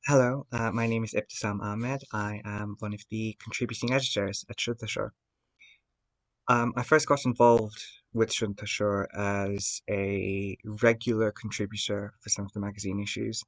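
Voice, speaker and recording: A man from Bangladesh, a contributing editor, telling his own story in a soft-spoken way with frequent um fillers. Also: on the low side, steady tone, normal speed. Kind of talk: personal testimony.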